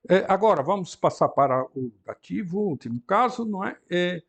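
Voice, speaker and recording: A man teaching a Greek class, who explains each point step by step, reads Greek words slowly and repeats them, and often asks "não é?". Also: high voice, expressive, breathy edge. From Brazil. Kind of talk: university lecture.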